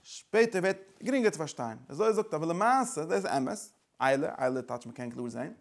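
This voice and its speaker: A man's voice: a little high, animated, fairly quick. A man lecturing like a teacher, driving his explanation forward with repeated phrases and words from several languages.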